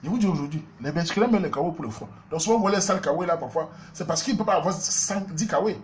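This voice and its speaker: A man with a Cameroonian French accent tells a comic neighborhood story at a quick clip. His voice sits a little high for a man, jumping from loud bursts to muttered asides. A faint hum runs behind him. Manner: animated, swings between loud outbursts and low asides. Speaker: comedian.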